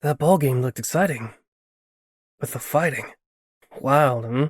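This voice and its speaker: A man's voice: mid-range voice, measured pace, dry recording, clean studio sound, lightly acted. A male audiobook narrator voicing a brash, swaggering male water elemental with a New Zealand accent. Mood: casual. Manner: swaggering, blunt, laddish slang.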